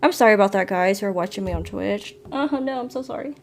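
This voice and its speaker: A woman's voice: mid-range voice, fast talker, a little hiss or hum. A woman live streaming from her phone with a plugged-in mic, chatting apologetically with viewers and reading a story game aloud. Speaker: livestreamer.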